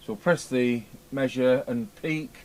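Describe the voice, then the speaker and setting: A man presenting as a radio repair technician mutters to himself while casually demonstrating a hands-on repair at an indoor workbench. His mid-range voice is steady in tone and a little slow. The background carries clear workshop noise.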